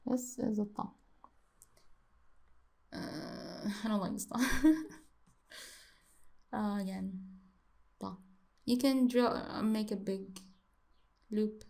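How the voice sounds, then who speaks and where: Slow, gravelly-voiced woman teaching letters. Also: medium pitch, fairly even intonation, mellow. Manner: slow, repeats sounds many times, muses aloud. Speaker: language teacher. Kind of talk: casual handwriting lesson.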